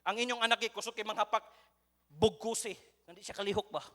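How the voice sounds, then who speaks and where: A man with a Cebuano accent preaching a sermon in a church, telling stories in an animated way and mixing in English. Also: sits high, quick pace. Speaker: pastor. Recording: long church hall reverb.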